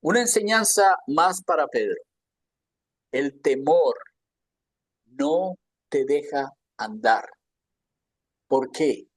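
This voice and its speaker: A man's voice: fairly high pitch, lively intonation, takes it slowly, long pauses, breathy edge, no room sound. A man teaching a Bible lesson in a conversational sermon style, often asking his listeners questions. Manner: conversational, asks the audience questions.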